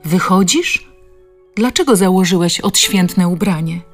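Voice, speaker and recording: A woman's voice: lowish voice, measured pace, faint music behind. A woman playing a confused, dying old mother. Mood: bewildered. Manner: bewildered, weak.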